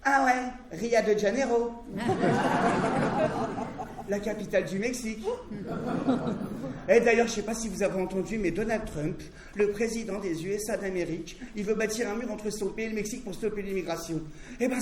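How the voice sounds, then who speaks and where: Brief: male stand-up comic, pun-heavy storytelling, higher-pitched voice, heard from a distance. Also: fast, few pauses, a little mellow. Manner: wordplay-driven, conversational storytelling. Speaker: stand-up comedian. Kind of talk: stand-up comedy routine. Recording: roomy, distant, noisy stage recording.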